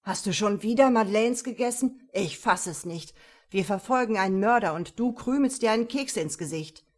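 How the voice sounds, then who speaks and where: A woman voicing a brash, aggressive male police officer in his forties who snaps and scolds loudly. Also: medium pitch, expressive, moderate pace, close to an everyday voice. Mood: scolding. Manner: snappish and scolding, loud.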